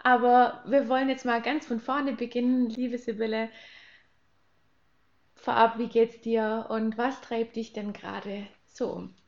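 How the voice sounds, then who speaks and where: A woman's voice: a little high, level tone, measured pace, creaky, muffled recording. A woman hosting a podcast interview, greeting her guest with enthusiastic, friendly talk. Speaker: podcast host.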